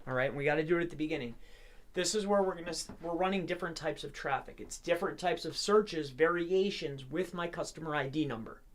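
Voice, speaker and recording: A man's voice: a little high, fast talker. Rambling, chatty man teaching live. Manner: rambling, chatty, talking on nonstop; informal, addresses viewers directly. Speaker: host of an SEO tutorial livestream. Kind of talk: casual live tutorial.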